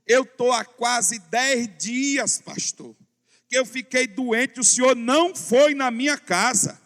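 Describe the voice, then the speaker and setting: A man voicing a difficult elderly widow from his congregation who loudly complains, with a reproachful, whining manner. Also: very high-pitched, slow, full character voice. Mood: complaining. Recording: long church hall reverb.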